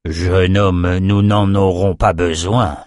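A man voicing a gruff, weary old wizard who speaks slowly and low, with a grumbling tone. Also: fairly even intonation, darkish tone, no room sound, studio quality. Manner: slow, low, grumbling delivery.

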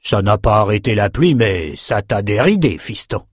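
A man voicing a gruff, teasing old male wizard in an audiobook. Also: fairly low pitch, sing-song, moderate pace, dry recording, studio quality. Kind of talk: audiobook character voice.

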